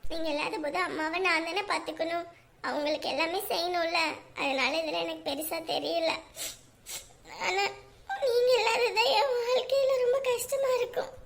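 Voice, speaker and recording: An actress playing a tender young wife, speaking emotionally and tearfully. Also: female voice, extremely high pitch, fairly even intonation, normal speed, creaky, fairly bright tone, full character voice. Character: tender young wife parting from her soldier husband. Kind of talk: family drama acting.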